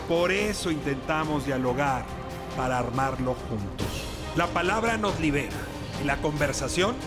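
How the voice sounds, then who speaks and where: A man hosting a talk show, with a reflective, rhetorical opening before questioning his guest. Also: a little high. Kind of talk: scripted opening then interview. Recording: loud music under the voice.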